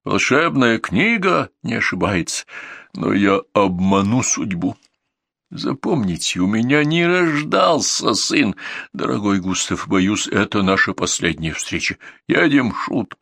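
A stern, commanding king in a fairy-tale audiobook, speaking in a slow, grave, imperious voice, as the narrator puts him on. The voice is low-pitched with a gravelly edge. The recording is dry and close. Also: sing-song, fairly bright tone, no room sound, heavily acted. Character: stern commanding king, middle-aged man.

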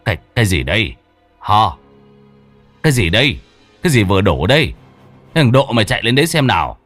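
A man voicing a hot-tempered old village man who shouts curses. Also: fairly low pitch, big pitch swings, a little fast, no room sound, faint music behind. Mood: startled.

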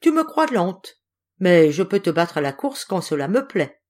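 Sly clever tortoise from a storybook, woman doing the voice, slow and teasing, bounces around a lot. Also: fairly low pitch, sing-song, darkish tone. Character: cunning clever female tortoise.

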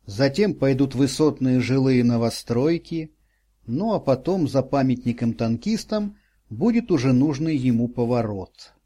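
A man narrating an audiobook in a measured, dramatic way. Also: medium pitch, animated, mellow. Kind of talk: scripted narration.

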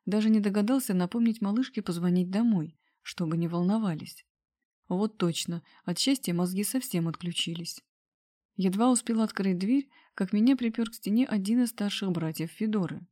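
Audiobook reader, woman, steady storytelling narration, first-person story. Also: mid-range voice, moderate pace.

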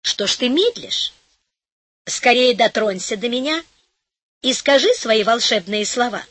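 A woman reading an audiobook, voicing a gentle dream maiden made of cloud, speaking in a soft, hushed, coaxing way. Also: on the high side, lively intonation, measured pace, dry recording.

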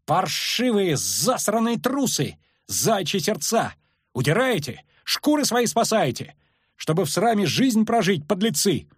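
A man voicing a frantic young male bard who pleads and curses in a shrill, breathless way, in an audiobook. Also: very animated, a little slow, husky, no room sound, studio quality, full character voice. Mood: furious.

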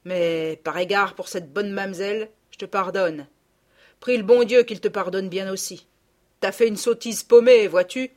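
A woman's voice: medium pitch, fairly even intonation, measured pace, darkish tone, natural voice. A woman voicing a middle-aged peasant gardener woman who scolds and gossips in blunt rustic speech, read as an audiobook character. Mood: scolding.

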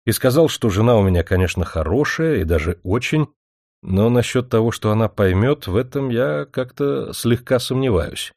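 A man narrating a first-person audiobook in a wry, even storytelling manner. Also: mid-range voice, normal speed, no room sound, studio quality.

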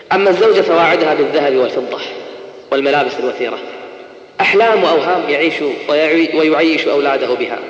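A man preaching an emotional sermon, swinging from hushed to urgent and slowing into melodic chanted recitation. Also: on the high side. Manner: impassioned, rising and falling, slow melodic chanting of verses. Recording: echoey hall, dull lo-fi tape.

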